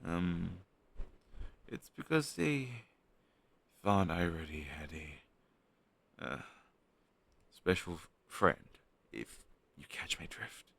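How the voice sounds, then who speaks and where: In an intimate, one-sided conversational audio roleplay, a man plays a flustered young man shyly hiding a crush on his best friend, his delivery hesitant, sheepish and halting, with a confessional mood. His deep voice is gravelly and a bit bright with lively intonation, heavily acted, and the recording is dry.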